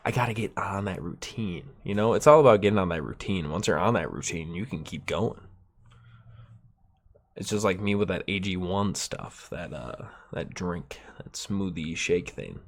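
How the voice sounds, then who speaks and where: A man's voice: sits low, normal speed. A man hosting a solo podcast, chatting in a rambling, laid-back way with lots of fillers and swearing, his nose stuffed up. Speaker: podcast host. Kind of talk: solo casual podcast chat.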